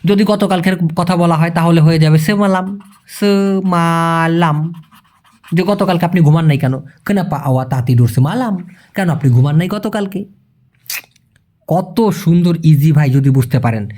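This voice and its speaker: Chatty, slightly high-voiced male language tutor. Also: warm tone. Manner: explains step by step, slows down sharply to spell out phrases; addresses the listener as brother, chatty and colloquial. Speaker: language teacher. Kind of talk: casual spoken lesson.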